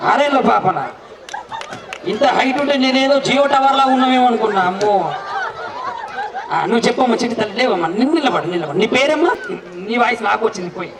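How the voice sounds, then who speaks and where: A man's voice: very high-pitched, lively intonation, fast, long pauses. A man working as emcee at a wedding celebration, bantering and playfully teasing the guests to draw answers and applause. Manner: teasing, playful, coaxing the crowd. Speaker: event emcee. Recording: echoey, distant mic with crowd noise. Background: crowd.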